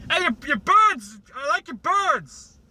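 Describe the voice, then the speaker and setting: A bossy young cartoon unicorn mare scolds in a high, raised voice, as a man puts her on. The voice is bright and pushy. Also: big pitch swings, slow, a little hiss or hum, full character voice. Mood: scolding. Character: bossy young female unicorn pony, impatient.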